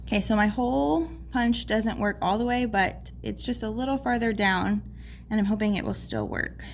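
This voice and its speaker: A woman's voice: fairly high pitch, normal speed, gravelly, over music. A young woman teacher in her twenties chatting casually while setting up her classroom, upbeat and full of fillers. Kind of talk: casual vlog narration.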